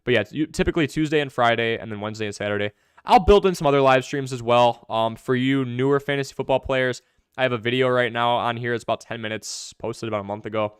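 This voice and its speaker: A young man hosting a live fantasy football stream, answering viewer questions in quick, chatty commentary. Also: medium pitch, smooth, dry recording, clean studio sound. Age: young adult.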